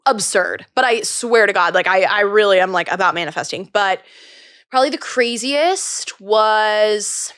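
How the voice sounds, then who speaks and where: An excitable young woman chats casually as a podcast guest, gasping and acting out what people said. Her voice sits at an ordinary pitch. The recording is close and dry. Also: unhurried, clean tone, no echo. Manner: excitable, gasps and acts out quotes, many fillers. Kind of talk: casual chat.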